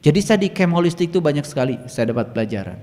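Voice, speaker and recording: Animated male spiritual teacher, reverberant hall. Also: very fast. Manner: animated, swinging between loud emphatic peaks and quiet low asides. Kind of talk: storytelling motivational talk.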